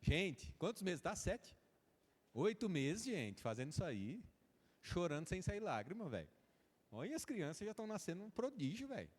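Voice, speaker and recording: Brazilian pastor preaching in a reverberant church. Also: male voice, high-pitched, sing-song, moderate pace, slightly rough. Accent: Brazilian Portuguese. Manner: folksy, acts out dialogues between father and children. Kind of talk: sermon.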